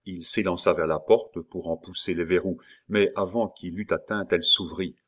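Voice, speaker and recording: A man reading a classic novel aloud as an audiobook narrator, steady and measured. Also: sits low.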